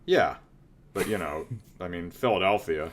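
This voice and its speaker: A man's voice: deep voice, expressive, moderate pace, slight background noise. A man in his late thirties co-hosting a podcast, chatting casually with dry, sarcastic teasing. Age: late 30s. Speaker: podcast co-host. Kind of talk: casual chat.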